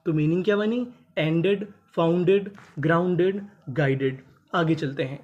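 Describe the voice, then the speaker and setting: This teacher's slightly mellow voice comes through with a lo-fi quality at a moderate pace. Each English word is spelled letter by letter, sounded out, and defined, with the pitch falling on the last word of every list in this phonics and spelling lesson.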